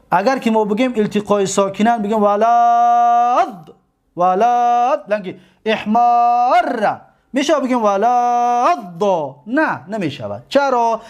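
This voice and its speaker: With a Tajik accent and a very high-pitched voice, a man teaches a seminary lesson on Arabic grammar. He patiently repeats his points and draws out each example word slowly.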